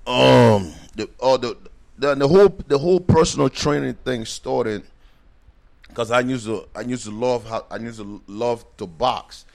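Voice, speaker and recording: A man's voice: medium pitch, unhurried, creaky, darkish tone. A man from Liberia, a personal trainer and bodybuilder, telling stories in a laid-back way with streetwise slang in a casual interview.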